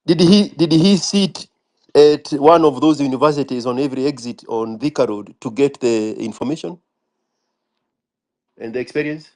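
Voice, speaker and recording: A man's voice: medium pitch, moderate pace, darkish tone. A man with a Kenyan accent debating casually in a challenging, sarcastic manner, repeating himself for emphasis.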